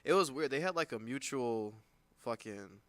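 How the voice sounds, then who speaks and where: A man's voice: mid-range voice, lively intonation, moderate pace, fairly bright tone, dry recording. A young man talks loosely on a podcast, circling his point with constant fillers. He laughs often as he tells stories in a casual chat. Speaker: podcast co-host.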